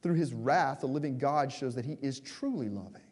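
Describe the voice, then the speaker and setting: A man preaching a sermon with passion, stressing words slowly and then rushing through quick asides. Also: medium pitch, lively intonation, a little mellow. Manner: impassioned, emphatic, swings between slow stresses and quick asides. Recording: long hall reverb.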